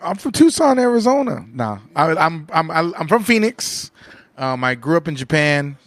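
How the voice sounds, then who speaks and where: A man's voice: on the high side, sing-song, moderate pace, fairly bright tone. Chatty male guest DJ. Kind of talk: casual chat.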